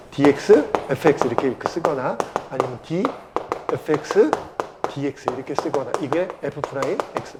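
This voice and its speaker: Brisk, teasing male math teacher. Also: a little high, very noisy. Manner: blunt, teasing, keeps quizzing students. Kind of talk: casual lecture to students.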